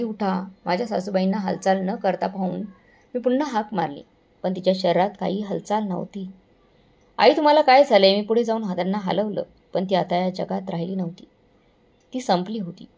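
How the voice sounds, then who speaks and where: A woman's voice: medium pitch, gravelly, mellow. A woman narrating a first-person moral story in an earnest, somber way, sometimes correcting herself.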